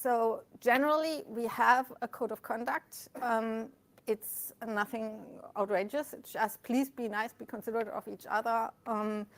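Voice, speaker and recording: A woman's voice: a little high, fairly even intonation, measured pace. A woman hosting a meetup, speaking informally in front of an audience as she welcomes people and makes announcements. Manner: addressing an audience in a room. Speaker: meetup organizer and host. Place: meetup room with live audience and online stream.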